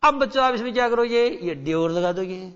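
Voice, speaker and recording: A male teacher giving a classroom lecture, repeating key words, quizzing the children and slowing down to read English lines. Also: high-pitched, lively intonation, a bit bright, clear, resonant tone. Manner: slows right down when reading English lines. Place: broadcast studio. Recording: dull sound with long hall reverb.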